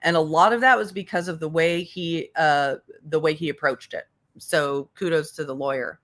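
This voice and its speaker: This legal commentator and livestream host is a woman with a deep, fairly bright voice, a steady tone, and a normal pace. She talks off the cuff in a blunt, exasperated, profane way, hammering her points home by repeating them.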